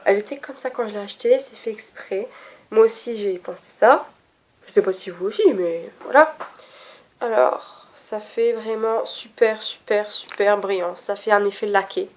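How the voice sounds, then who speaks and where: A woman's voice: medium pitch, normal speed, slight background noise. A young French woman reviewing her lipsticks in a casual, chatty, scattered, self-mocking way. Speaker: beauty vlogger.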